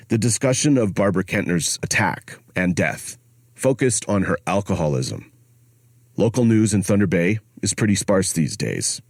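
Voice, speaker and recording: A man hosting and narrating a documentary podcast in a grave, measured tone, recorded on a studio mic. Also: fairly low pitch, a little mellow, no room sound.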